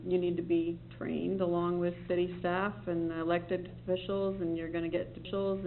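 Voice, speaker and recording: A city staff member briefs a board at a public meeting, rambling and correcting themself while keeping a reassuring tone. The medium-pitched, gravelly voice carries slight background noise, and the tinny, lo-fi recording from the meeting room has faint ambience.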